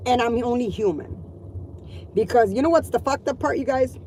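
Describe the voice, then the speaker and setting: A woman's voice: a little high, normal speed, dark tone, a little hiss or hum, poor audio. Blunt, profane middle-aged woman ranting. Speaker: mother venting to viewers. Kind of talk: ranting vlog monologue.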